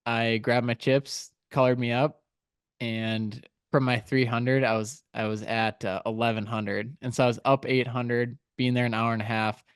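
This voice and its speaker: A podcast co-host telling a story in casual chat, animated and full of "like" and "dude.". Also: male voice, mid-range voice, moderate pace, clean tone, no echo, studio quality.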